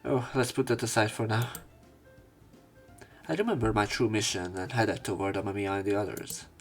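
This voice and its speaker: A man with a lowish voice reads a visual novel aloud at a normal speed as a let's player, blending narration with casual, crude commentary while game music plays in the background.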